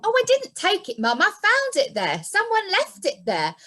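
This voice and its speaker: A woman's voice: very high-pitched, wildly swooping pitch, moderate pace, sharp tone, heavily acted. A woman playing an eager, earnest young lad in a comic pantomime, with exaggerated enthusiasm. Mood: earnest, protesting.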